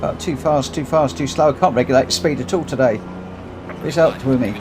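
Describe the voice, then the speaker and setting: A British man with a cold and a runny nose streams a racing game, rambling as he thinks aloud and correcting himself along the way. His mid-range voice is brisk, and music plays under it.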